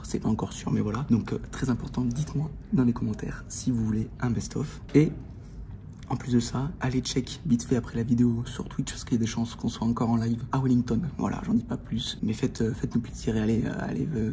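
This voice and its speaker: A man talks to camera from inside a bookshop, keeping it hushed and partly whispered. His voice sits at an everyday middle pitch. Clear background noise runs underneath. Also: fairly even intonation, fairly quick. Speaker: vlogger. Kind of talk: quiet talk to camera. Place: indoors in a bookshop. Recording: noisy background.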